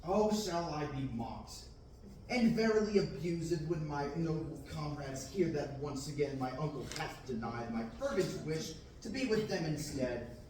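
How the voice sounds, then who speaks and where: At a student table reading, a young adult amateur reads mock-Shakespearean, theatrical old-English lines in a high voice full of lively swoops, taking his time. He's caught by a far-off camera in a large indoor rehearsal room that is very echoey and noisy.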